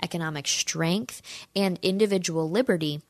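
A woman's voice: on the low side, normal speed, no room sound, studio quality. A woman in her twenties giving an earnest, persuasive opinion talk and speaking straight to her viewers. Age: 20s. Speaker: commentator answering audience questions.

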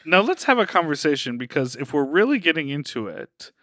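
Sassy, campy higher-voiced man, dry sound. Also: big pitch swings, brisk, pushed and bright, dry recording. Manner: sassy, campy drag-queen talk with slang. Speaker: podcast co-host. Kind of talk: casual comedic chat.

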